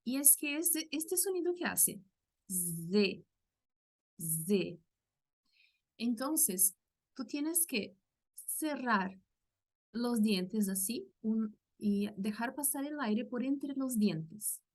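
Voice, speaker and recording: Brazilian woman, Portuguese native, teaching a language lesson; slightly high voice, slow and patient, shows each sound with care. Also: animated. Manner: patient, demonstrating sounds carefully.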